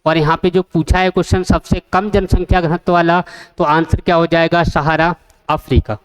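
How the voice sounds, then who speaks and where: A man's voice: a little high, flat delivery, moderate pace, clean tone. A man teaching an exam-prep geography lesson, asking the class questions and repeating the answers. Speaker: coaching teacher.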